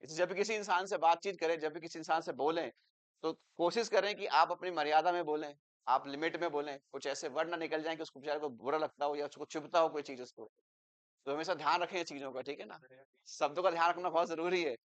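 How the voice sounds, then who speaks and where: A man teaching an English grammar lesson in Hindi, explaining with English examples and turning loud and emphatic when he makes a point. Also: fairly high pitch, fast talker. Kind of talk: classroom lecture.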